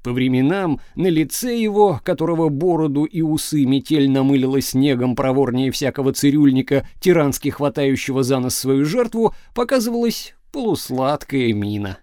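A man's voice: mid-range voice, expressive, moderate pace, hardly any pauses, mellow, no echo, studio quality. A man reading a classic story aloud as an audiobook narrator, telling it expressively. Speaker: audiobook reader. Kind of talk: scripted literary narration.

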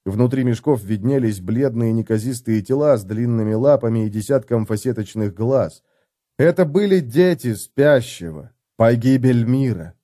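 A man reading fantasy fiction in steady, measured scripted narration for an audiobook. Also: medium pitch, no room sound, studio quality.

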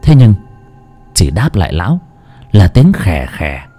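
A man narrating a horror story in an expressive, dramatic storytelling style, then chatting jokily to listeners. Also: deep voice, measured pace, husky, faint music behind. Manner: expressive, lively delivery; jokey, chatty afterword. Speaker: audiobook narrator.

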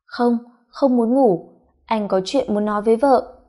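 A woman's voice: a little high, a little slow, dark tone. A woman voicing a tipsy, affectionate young husband who talks in a slurred, whiny, sugary way. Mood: tipsy teasing.

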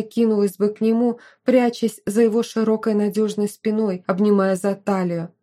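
Woman, audiobook narrator, expressive storytelling, mellow dark tone, middle pitch. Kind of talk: audiobook reading of a fantasy novel.

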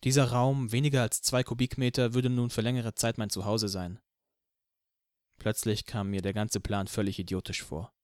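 A man narrating an audiobook in the first person, calm and steady in the narration. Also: lowish voice, moderate pace, clear, resonant tone, no room sound, studio quality.

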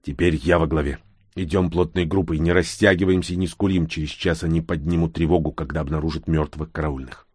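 A man voicing a hardened soldier who gives low, hushed, clipped orders in an audiobook. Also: steady tone, fairly quick, slightly rough, no room sound, studio quality. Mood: grim. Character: grim, hardened male soldier, curt and commanding.

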